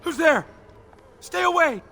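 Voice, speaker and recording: A terrified elf. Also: female voice, very high voice, expressive, unhurried, pushed and bright, heavily acted. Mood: frightened. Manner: fearful, nervous, pleading. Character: frightened elf woman, terrified, pleading. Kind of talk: video game voice acting.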